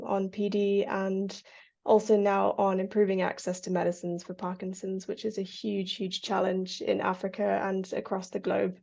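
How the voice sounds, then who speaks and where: A woman's voice: medium pitch, vocal fry, dark tone. A woman from Kenya, a Parkinson's researcher, answering interview questions earnestly, with many fillers and restarts and frequent laughs. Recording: lo-fi audio.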